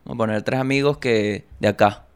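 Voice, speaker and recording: A young Venezuelan man with a Venezuelan accent, hosting a comedy podcast and telling jokey stories in an animated way. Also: mid-range voice, fairly quick, smooth. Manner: joking, animated storytelling with voices. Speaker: podcast host. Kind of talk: comedic monologue.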